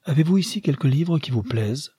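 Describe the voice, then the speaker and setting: Man putting on a sweet caring daughter, soft voice, warm and a bit husky, audiobook. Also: a little high, lively intonation, fairly quick, dry recording, studio quality, voice pushed up. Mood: gentle. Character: gentle caring young daughter.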